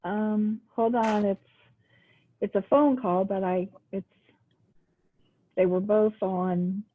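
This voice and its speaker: A woman's voice: mid-range voice, fairly even intonation, slow. Woman, meeting clerk, group voice call, phone-like tinny sound, hesitant. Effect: heard over a group voice call. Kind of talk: managing callers in a virtual meeting.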